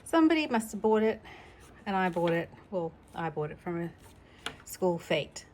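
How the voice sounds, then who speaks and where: A middle-aged woman hosting a children's storytime reads books aloud with chatty asides, explaining things simply as if to a child. Her voice sits on the low side, very animated and a little mellow, at a moderate pace. Slight background noise is audible.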